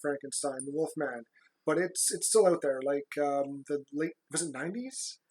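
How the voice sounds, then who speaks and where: A woman with a low-pitched voice talks casually as a podcast co-host. She speaks in a halting way, doubling back on words as she chats. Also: a little mellow.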